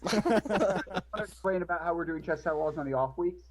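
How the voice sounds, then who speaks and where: A man's voice: on the high side, normal speed, a little hiss or hum. A man co-hosting a podcast, chatting casually. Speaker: podcast co-host. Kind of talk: casual chat.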